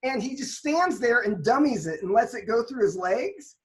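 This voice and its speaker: A woman in casual podcast chat, retelling a soccer match in an animated play-by-play way with lots of restarts and emphasis. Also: fairly high pitch, moderate pace.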